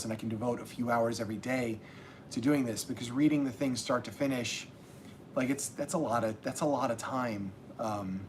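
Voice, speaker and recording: Casual livestream host, man, rambling and restarting, middle pitch, faint rumble behind. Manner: rambling, many restarts and fillers. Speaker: channel host and self-published author.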